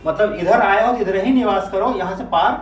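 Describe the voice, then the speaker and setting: High-voiced male teacher in an echoey classroom. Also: soft background music. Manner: keeps checking understanding with quick questions; repeats key terms for emphasis. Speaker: history teacher. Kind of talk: classroom lecture. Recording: echoey room, mic at a distance, faint noise.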